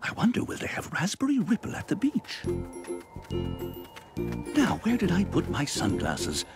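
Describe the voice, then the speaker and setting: A woman's voice: fairly low pitch, huge pitch swings, normal speed, music in the background. A woman voicing a jolly grown-up cartoon character who muses aloud in a chirpy, playful way. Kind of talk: animated preschool cartoon dub.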